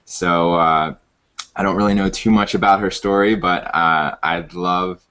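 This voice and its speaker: A man's voice: low-pitched, fairly even intonation, a little slow, pushed and bright, smooth. A man hosting a casual online interview, talking with many fillers and restarts. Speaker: interview host.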